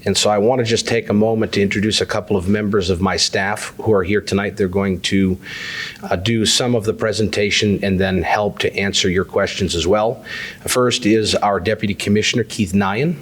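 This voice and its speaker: Speaking at normal speed in a fairly low, steady voice, this man is a New Hampshire state insurance commissioner. He has a cold and offers friendly, self-mocking town hall comments, often padded with "uh."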